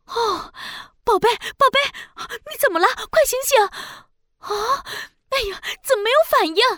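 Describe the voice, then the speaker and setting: A woman voicing a brave, frantic mermaid mother in a children's audio story, speaking high and urgent. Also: big pitch swings, fast, no echo, studio quality. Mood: panicked.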